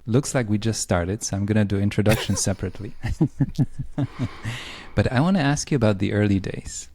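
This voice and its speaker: A Polish podcast host, whose first language is Polish, muses thoughtfully in a conversational interview style, reflective and laughing lightly. His voice is on the low side and a little mellow, and he speaks fairly quickly. There's a little hiss or hum in the audio.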